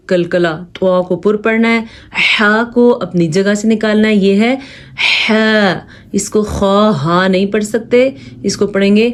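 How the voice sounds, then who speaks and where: A woman's voice: mid-range voice, darkish tone. Patient woman teaching Quran recitation. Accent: Pakistani Urdu. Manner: explains patiently, recites verses slowly and drawn out. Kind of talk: step-by-step tajweed lesson with slow recitation examples.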